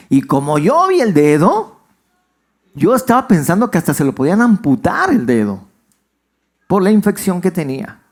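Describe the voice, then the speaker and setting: A male pastor, giving a conversational sermon and asking his congregation questions. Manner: conversational storytelling, asks the congregation questions, pitch swings widely. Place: church.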